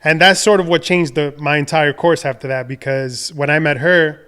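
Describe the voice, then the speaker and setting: A young adult man from the Dominican Republic, a podcast guest telling his career story in a relaxed, rambling way with many fillers and restarts. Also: fairly high pitch, moderate pace, clean tone. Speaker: podcast guest, designer and entrepreneur. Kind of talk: casual conversational storytelling.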